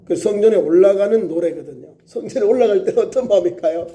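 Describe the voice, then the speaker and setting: A man who is a pastor preaching a sermon, exclaiming and acting out prayers with lively emphasis. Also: high-pitched, quick pace. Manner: sings a hymn before preaching.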